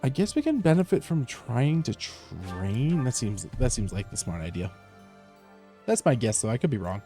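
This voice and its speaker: Mellow man on a livestream headset mic. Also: medium pitch, normal speed, faint music behind. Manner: relaxed, rambling, many fillers and restarts. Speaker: streamer. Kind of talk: casual live gameplay commentary.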